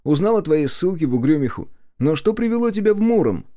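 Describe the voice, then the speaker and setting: This is a hoarse young journalist, voiced by a male audiobook reader. He talks freely and wryly, his voice raised and a little strained from the ordeal. The delivery rises and falls in lively swings. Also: on the high side, quick pace, pitched above the performer's own voice. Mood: wry friendly.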